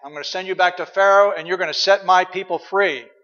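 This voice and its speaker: A man's voice: sits high, steady tone, fast talker, pushed and bright, in a large hall. A man voicing God as a firm, commanding older male figure in a retold Bible story. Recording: dull lo-fi sermon recording.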